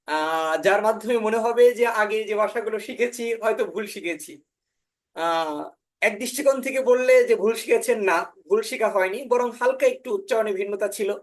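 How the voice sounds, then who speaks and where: Woman teacher. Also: a little high. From Bangladesh. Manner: often says "inshallah", pauses with "ah" fillers; demonstrates pronunciations by repeating words slowly. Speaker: spoken English teacher. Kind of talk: online orientation lecture.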